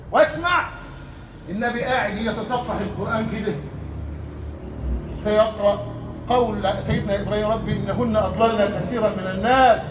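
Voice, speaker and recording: A man with an Egyptian accent giving a Friday sermon in a mosque, often asking rhetorical questions that the crowd finishes, lively and emphatic. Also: extremely high pitch, noisy background. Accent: Egyptian Arabic. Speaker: preacher. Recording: echoey hall, mic at a distance.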